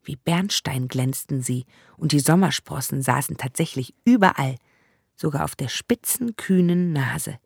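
Husky, gravelly storybook narrator. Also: medium pitch, animated, measured pace, dry recording, clean studio sound. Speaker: audiobook narrator.

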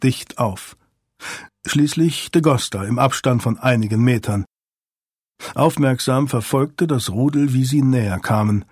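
A man reading an audiobook thriller in a measured, calm narration. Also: medium pitch, slightly rough, no room sound, studio quality. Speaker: audiobook reader.

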